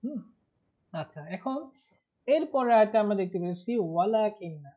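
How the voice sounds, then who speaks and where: A man's voice: sits high, lively intonation, normal speed, dark tone. A man teaching Arabic grammar in a live online class, explaining patiently and stressing key words. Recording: muffled online class audio.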